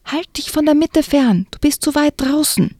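A woman voicing a teasing, anxious boy who shouts from the shore, reading aloud from a children's book. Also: high voice, lively intonation, normal speed, dry recording, studio quality, voice pushed up. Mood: shouting.

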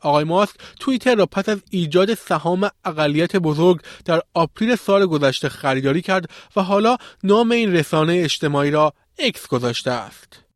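A man's voice: a little high, animated, few pauses, no room sound. A man presenting technology news in a scripted reading style, close to the microphone.

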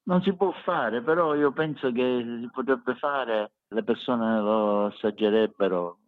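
A man's voice: mid-range voice, unhurried. A man with a Sicilian accent chatting casually as an interview guest, emphatic and fond of repeating words to drive a point home. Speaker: street food cook, interview guest. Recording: echoey room, dull lo-fi sound.

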